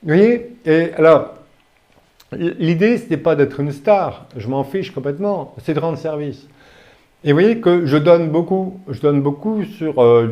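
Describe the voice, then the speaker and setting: A man giving a lively law lecture in a recording studio, joking and asking his students questions as he goes. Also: fairly high pitch, dull audio.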